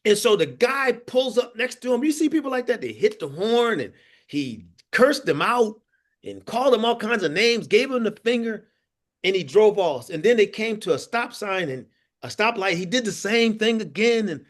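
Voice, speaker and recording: Animated man leading an online training. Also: sits high, moderate pace. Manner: animated storytelling with laughs and audience questions. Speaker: workforce trainer. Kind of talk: interactive online training talk. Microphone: video call.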